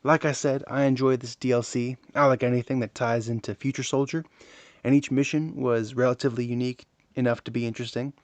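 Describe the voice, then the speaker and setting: A man's voice: medium pitch, steady tone, quick pace, darkish tone, no room sound. A man hosting a gaming channel and giving casual gameplay commentary in a wry, offhand way.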